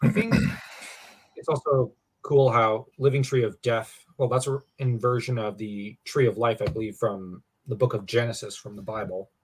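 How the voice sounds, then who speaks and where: A man reading a novel aloud in a steady, measured way and discussing it. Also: medium pitch, slight background noise. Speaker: podcast co-host.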